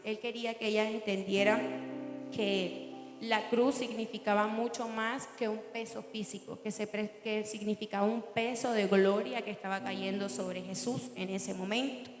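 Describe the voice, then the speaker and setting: A woman's voice: medium pitch, fairly even intonation, moderate pace. A woman preaching a sermon in an earnest, conversational way and asking the listeners questions. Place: church hall. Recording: echoey church hall with long reverb. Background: music.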